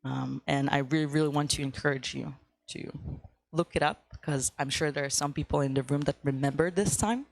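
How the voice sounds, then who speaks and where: A woman's voice: low-pitched, fairly even intonation, fairly quick, creaky, no room sound. A young woman from Ukraine, giving a casual guest talk to a church class with lots of fillers and upbeat asides. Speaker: guest speaker.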